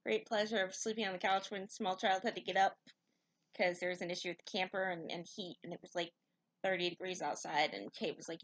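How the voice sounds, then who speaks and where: A woman co-hosting a casual stitching chat, joking and teasing her partner. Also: mid-range voice. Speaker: co-host.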